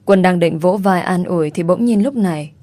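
A woman's voice: on the low side, moderate pace. A woman reading a first-person story aloud in an emotional, dramatic manner. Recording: soft music underneath.

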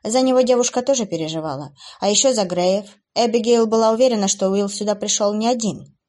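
A woman narrating a dark fantasy audiobook with an expressive, dramatic reading. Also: medium pitch, quick pace.

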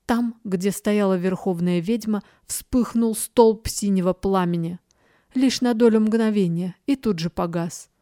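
A woman narrating a dark fantasy audiobook in a steady, measured reading voice. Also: medium pitch, no room sound, studio quality.

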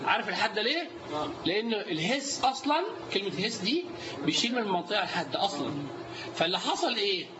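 A live class is taught by a lively man with an Egyptian Arabic accent whose voice sits high and who talks fast. He regularly stops to quiz his students. The audio is lo-fi and dull, with constant noise.

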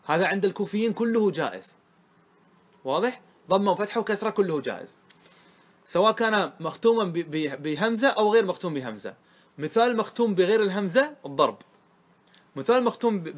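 A man teaching a grammar lesson to a class, explaining the rules and checking often whether his students follow. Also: high voice. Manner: asks students quick check questions; chants verses slowly. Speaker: sheikh teaching Arabic grammar. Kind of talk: classroom lecture explaining verse.

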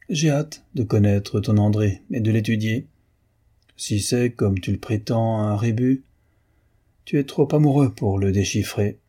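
A man reading the part of a skeptical but loyal young friend, with a measured, gently ironic delivery and a husky voice. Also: medium pitch. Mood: wry.

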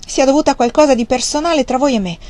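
Woman narrator doing a young Victorian lady, proud, indignant, tearful edge, high voice. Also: very fast, a little mellow, close to an everyday voice. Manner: raised pitch, tearful indignation.

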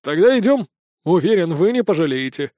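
A man's voice: sits high, big pitch swings, brisk, mellow, dry recording, studio quality. A man playing a confident, cunning conspirator who speaks in an assured, persuasive way.

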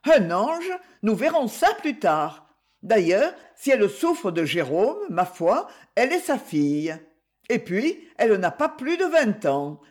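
A gossiping neighbor woman, put on by a male reader in a storybook, with a high, lively voice and a sceptical edge. She lingers over her doubts at a slow, deliberate pace. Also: full character voice.

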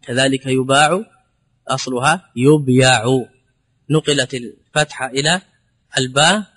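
A man's voice: mid-range voice, a little slow, a bit bright, breathy edge. A man teaching a grammar lesson, explaining step by step, repeating example words and asking rhetorical questions. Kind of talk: classical Arabic grammar lesson.

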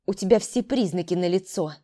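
A woman's voice: fairly low pitch, a little fast, warm tone, close to an everyday voice. Woman doing a stern, commanding older sister. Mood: angry. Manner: commanding, interrogating.

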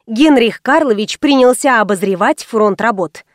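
A woman narrating an audiobook in the first person with wry, lively storytelling. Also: fairly high pitch, normal speed, dry recording, studio quality.

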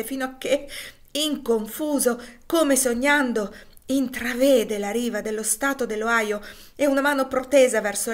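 A woman reading a classic novel aloud with expressive, dramatic narration. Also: a little high. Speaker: reader.

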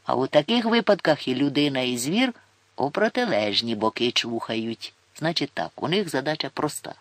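A man voicing a gruff, mocking older forester who looks down on city folk. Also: mid-range voice, expressive, normal speed, fairly bright tone, no echo. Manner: grumbling, scornful, folksy.

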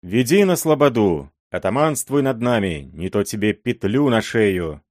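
A man voicing a drunken mob of robbers, shouting raucously in a raised voice. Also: fairly low pitch, animated, a little slow, no room sound, clean studio sound. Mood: rowdy shouting.

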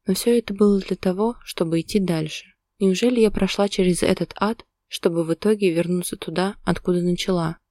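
Voiced by a woman, a heartbroken young woman speaks in a low, mellow voice, quiet and tearful yet firm. The sound is close and dry, with no room around it. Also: steady tone, brisk, hardly any pauses, dry recording, lightly acted. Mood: sorrowful. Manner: quiet, tearful, resolute pleading.

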